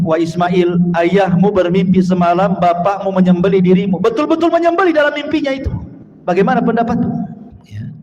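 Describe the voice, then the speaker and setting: Male preacher with a strikingly high voice giving an emphatic sermon with Arabic recitation, recorded in a long-echo hall. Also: a little mellow, lo-fi sound. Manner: emphatic, rhetorical questions to listeners; recites Arabic verses, then explains them. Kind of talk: sermon to a congregation. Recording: long hall reverb, faint background noise.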